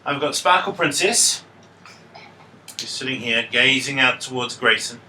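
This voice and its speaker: A man's voice: medium pitch, animated, a little slow, pushed and bright, far from the mic, a little hiss or hum, rough recording. A male teacher, telling a playful story in a maths lesson and feigning confusion to draw out his pupils. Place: classroom.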